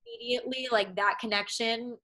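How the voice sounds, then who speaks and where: The recording is rough, and the young woman's voice is fairly high, bright and forceful, with fairly even intonation and a slightly quick pace. An actress from Massachusetts with a Boston accent, she rambles casually from home as an interview guest, leaning heavily on "like" and "um".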